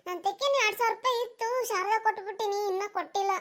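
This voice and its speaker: A woman's voice: extremely high pitch, racing, a bit bright. A woman voicing a worried older village woman who keeps complaining, with a North Karnataka Kannada accent. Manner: complaining, repeats her grievance.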